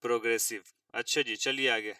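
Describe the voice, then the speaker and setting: Bright-voiced male English tutor, far from mic. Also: medium pitch, fairly even intonation, smooth, no room sound. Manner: slow drawn-out reading of English phrases, spells words aloud. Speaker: English teacher. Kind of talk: vocabulary lesson explaining English news words.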